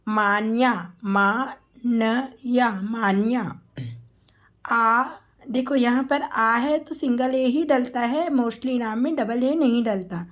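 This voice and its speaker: A woman teaching a spelling lesson, dictating names slowly syllable by syllable and explaining each letter. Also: a little high.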